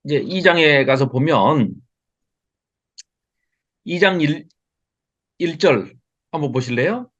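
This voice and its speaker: Animated male Bible teacher. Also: on the high side, takes it slowly, pauses often, husky, highs cut off. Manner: lively and expressive, chuckles often, asks the class questions. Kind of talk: online Bible lecture. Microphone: video call.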